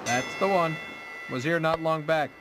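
A man's voice: fairly high pitch, moderate pace, noisy background, lightly acted. A man voicing a friendly, gossipy male shopkeeper in a game. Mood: chatty. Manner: friendly, offhand salesman patter.

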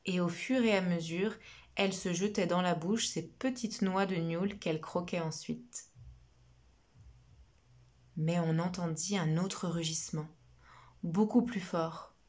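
Slow, expressive woman storyteller. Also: fairly low pitch. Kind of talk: children's story reading.

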